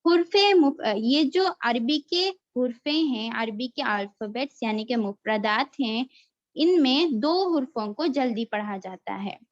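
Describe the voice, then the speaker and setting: A woman's voice: a little high, a little slow. A woman teaching letter reading, patiently explaining and drawing out each sound so students can follow. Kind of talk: slow explanatory lesson with drawn-out letter recitation. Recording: dull lo-fi recording.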